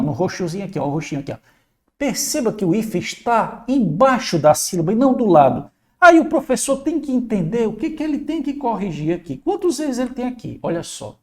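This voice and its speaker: A Brazilian man leads a recorded exam-prep lesson, his voice rising and falling in wide, lively swings. He sounds casual and animated as he keeps drawing attention to examples in front of him. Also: high-pitched. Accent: Brazilian Portuguese. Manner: animated, conversational, points at examples on screen.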